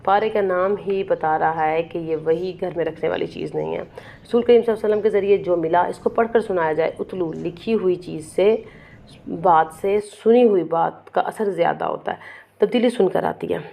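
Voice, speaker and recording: Earnest woman lecturer, low gravelly voice. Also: normal speed, warm tone. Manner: earnest, exhorting, rhetorical questions. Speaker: Quran lecturer. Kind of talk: religious lecture summary.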